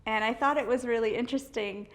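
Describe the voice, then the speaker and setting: A woman's voice: on the high side, fairly even intonation, quick pace. Thoughtful woman artist talking about her studio. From US East Coast. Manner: thoughtful, with many fillers, restarts and light laughs. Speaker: artist being interviewed. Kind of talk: casual interview talk. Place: indoor art studio.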